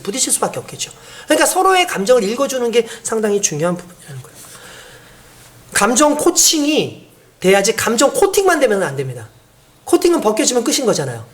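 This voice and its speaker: A male pastor preaching a sermon who often puts questions to the congregation. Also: extremely high pitch. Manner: animated, asks the congregation questions.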